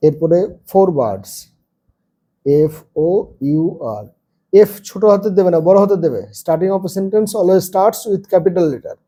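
A man teaching a first-grade English lesson, spelling words out slowly letter by letter. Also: high voice, expressive, warm tone.

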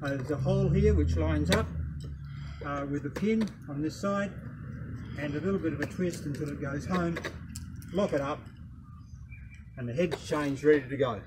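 An older Australian man talks through a garden tool demo in a plain, unhurried way, pausing on ums and uhs. His voice sits a little high for a man. It's recorded outdoors in a front garden on a camera mic, with clear background noise. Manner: plain, unhurried, hesitant with fillers. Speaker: product demonstrator. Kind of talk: casual product demo.

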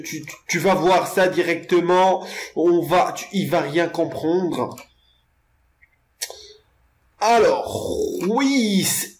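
A young man casually commentating his own video game play, joking, rambling to his viewers and stammering over repeated words. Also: a little high.

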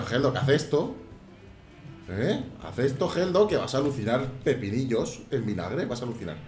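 A man giving casual let's-play commentary, animated and prone to shouted exclamations. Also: mid-range voice. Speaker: gaming YouTuber. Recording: roomy sound with faint game music.

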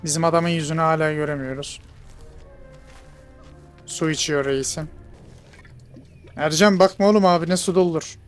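Guy gaming, excitable and joking, talks to the characters, faint music behind. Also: fairly high pitch, normal speed, pauses often. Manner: jokey, excitable, banters with game characters. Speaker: gamer. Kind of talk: let's play commentary.

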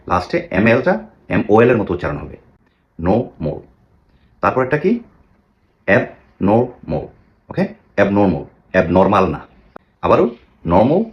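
A man with a very low voice gives a pronunciation lesson. He asks rhetorical questions and repeats each model word several times for his listeners. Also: muffled recording. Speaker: English pronunciation teacher.

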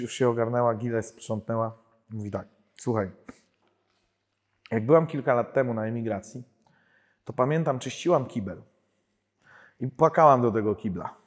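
A man giving an animated personal testimony at a prayer group conference, acting out the dialogue in his stories. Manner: storytelling, acts out dialogue with pitch jumps. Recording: hall reverb.

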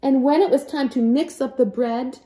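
A woman's voice: sits high, normal speed, warm tone, pitched above the performer's own voice, close to an everyday voice. A woman voicing a firm, fed-up little hen. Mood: scolding. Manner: scolding, repeating questions with emphasis. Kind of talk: storybook reading. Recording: echoey room.

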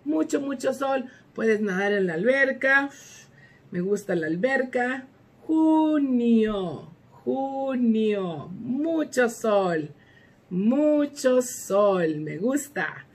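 A woman leads a bilingual class for little children, drawing out each word slowly and clearly. Her voice sits a little high, with a sing-song lilt and lively exclamations. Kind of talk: bilingual lesson for young children.

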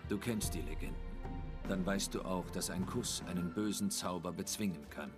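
An actor playing a grim, calm middle-aged monster hunter in a video game, terse and matter-of-fact. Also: male voice, low-pitched, moderate pace, music in the background, lightly acted. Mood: calm, explanatory. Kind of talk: dramatic video game dialogue.

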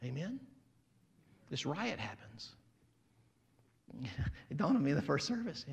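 Animated, gravelly preaching man. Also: on the high side, measured pace. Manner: dramatic, acts out crowd voices, swings from loud to quiet. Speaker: pastor. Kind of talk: animated sermon.

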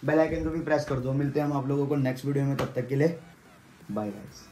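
Sleepy annoyed young guy grumbling at home, middle pitch, roomy echo. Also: quick pace, dark tone, faint music behind. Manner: grumbling, irritated, keeps adding "okay?". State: sleep-deprived. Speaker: vlogger. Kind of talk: casual prank vlog banter. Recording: echoey room.

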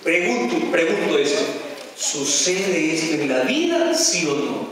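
Lively-voiced preacher man in echoing church. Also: a little high. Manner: asks the congregation rhetorical questions; slow, drawn-out emphasis on key phrases. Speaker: pastor. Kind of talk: sermon. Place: large church sanctuary. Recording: very echoey church hall, distant mic.

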